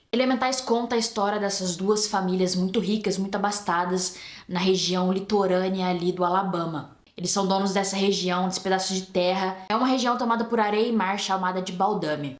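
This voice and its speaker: Chatty Brazilian woman in an echoey room. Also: on the low side. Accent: Brazilian Portuguese. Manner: chatty, informal, with asides and colloquial slang. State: tired. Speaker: book reviewer and channel host. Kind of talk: casual book review vlog. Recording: roomy echo.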